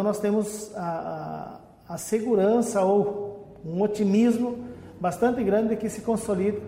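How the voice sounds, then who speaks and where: A man giving an explanatory interview answer as a technical expert, in a halting way with repeated words. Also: high-pitched, mellow. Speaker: technical director of an agricultural extension agency, interview guest. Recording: echoey room with long reverb.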